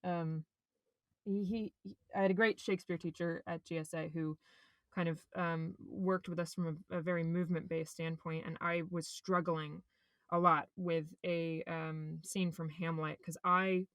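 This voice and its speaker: A woman's voice: on the low side, level tone, normal speed, no echo. A woman who acts and hosts a podcast, talking about acting in a thoughtful, rambling way with many restarts over a video call. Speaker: actor and podcast host. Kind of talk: casual conversation about acting.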